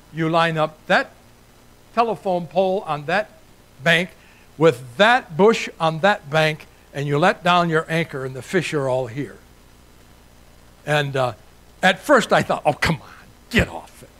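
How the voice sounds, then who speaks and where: An older Italian-born man, serving as guest preacher, delivers a sermon to a church in a fairly high, slightly bright voice. His style is earnest and emphatic, building points through repeated lists.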